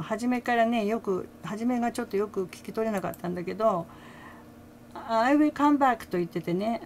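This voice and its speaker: Chatty older woman with a gravelly voice. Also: mid-range voice, a little mellow, a little hiss or hum. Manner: chatty, laughing often, many fillers. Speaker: fan commentator. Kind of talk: casual chat.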